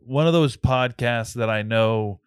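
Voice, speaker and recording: A man's voice: medium pitch, unhurried, smooth, dry recording, studio quality. Laid-back man co-hosting a casual podcast. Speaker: podcast co-host. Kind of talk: casual chat.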